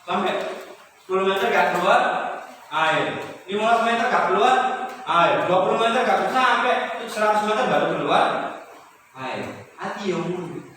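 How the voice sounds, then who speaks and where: A high-voiced man gives a lively religious lesson and keeps putting questions to his students. He is recorded from far off in a very echoey room with a long reverb tail. Steady noise runs under his voice. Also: normal speed, long pauses. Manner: lively, mixes Javanese words, asks the class questions. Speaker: religious teacher.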